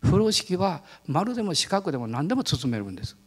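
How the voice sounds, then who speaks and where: A male pastor giving a sermon, telling a personal story in an animated way and laughing often. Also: high voice, brisk, husky, in a large hall.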